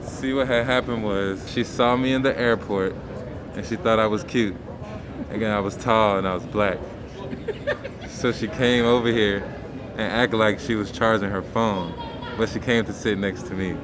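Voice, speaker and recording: A man's voice: lowish voice, fairly even intonation, measured pace, a crowd in the background. A man joking with a vlogger in an airport, telling the story of how they met. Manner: playful, storytelling. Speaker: airport acquaintance. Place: busy airport.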